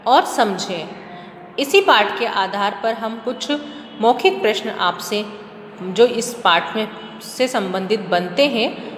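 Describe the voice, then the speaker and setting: A woman teaching young children to read, sounding out words slowly, one syllable at a time. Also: medium pitch. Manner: slow, drawn-out syllable-by-syllable word reading. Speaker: primary school teacher. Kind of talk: classroom reading lesson for children. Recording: echoey room with long reverb and faint hiss.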